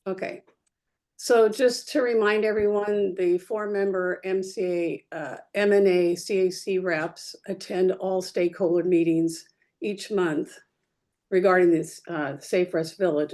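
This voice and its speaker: A woman giving a neighborhood committee report at a public meeting, her voice clipping and distorted on a remote call microphone, delivered in a steady, matter-of-fact way. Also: fairly low pitch.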